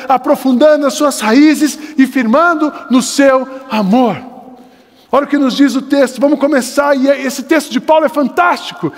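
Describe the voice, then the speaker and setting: An older Brazilian Portuguese pastor preaches with fervor, his unusually high voice climbing into shouts before falling to urgent, quieter pleading. The sound carries a long reverb from the church hall around him. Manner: impassioned, swings between shouting and lowered urgent tones. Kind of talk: sermon. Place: church sanctuary.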